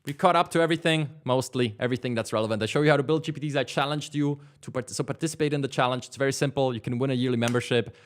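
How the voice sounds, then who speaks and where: A man's voice: medium pitch, rapid-fire, hardly any pauses. A young man in his twenties hosting a casual livestream from his desk, rambling and leaning on fillers as he answers chat. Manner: rambling, filler-heavy, lots of "like". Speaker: livestream host. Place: home studio desk.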